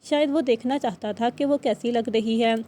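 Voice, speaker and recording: Woman narrator for an audiobook novel, fairly high, mellow tone, steady even read.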